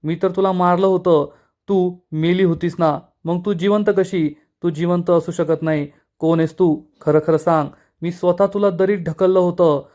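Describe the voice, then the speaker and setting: A ruthless, powerful woman boss gone to pieces with fear, put on by a man retelling a serial. She cries out the same pleas over and over. The voice is fairly high and mellow. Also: steady tone, normal speed, highs cut off, close to an everyday voice. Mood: terrified. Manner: panicked pleading, repeated cries.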